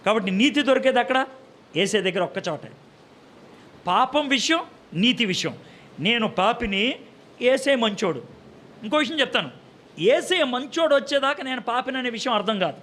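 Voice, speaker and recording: A man's voice: very high voice, fairly bright tone. A man preaching a sermon in speech, often putting questions to the audience and answering them himself. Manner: acts out short voices for a story with humor.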